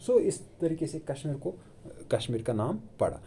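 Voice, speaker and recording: Mellow-voiced man teaching a coaching class. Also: fairly high pitch, very animated, normal speed, a little hiss or hum. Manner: asks and answers his own questions, repeats key terms; Hindi with English terms mixed in. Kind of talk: classroom lecture. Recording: online video lecture.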